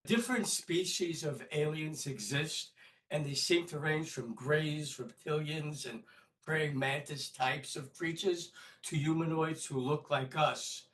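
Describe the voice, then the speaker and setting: A man hosting an interview, asking prepared questions in a measured way. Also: a little high, a bit bright. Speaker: interview host. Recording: distant from the mic.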